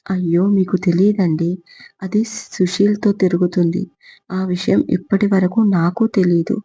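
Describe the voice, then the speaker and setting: A woman's voice: fairly low pitch, little pitch movement, moderate pace, dark tone, husky. A woman voicing an angry, tearful middle-aged mother who scolds her daughter, in a storybook reading. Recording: muffled lo-fi recording.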